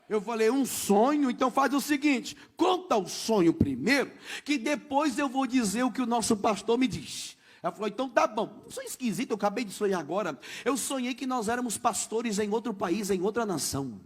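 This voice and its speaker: A man in his thirties, a missionary pastor telling his story in a church sermon, acting out each exchange and building to shouts. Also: very high-pitched, fairly quick. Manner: animated storytelling, acts out dialogue, builds to shouts. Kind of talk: testimony sermon.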